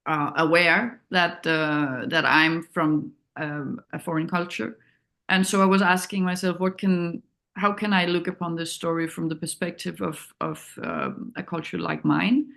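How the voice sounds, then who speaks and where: This documentary director, a Danish woman with a matching accent, is an unhurried interview guest whose low, gravelly voice also carries a slight brightness. She comes across as thoughtful and hesitant, searching for how to phrase things.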